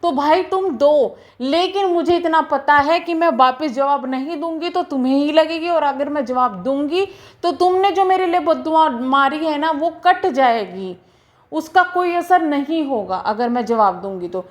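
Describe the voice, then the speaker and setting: A woman's voice: sits high, lively intonation, measured pace. A young woman vlogger talking to her viewers, defending herself in a defensive, emphatic, repetitive way. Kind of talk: clarification vlog to viewers.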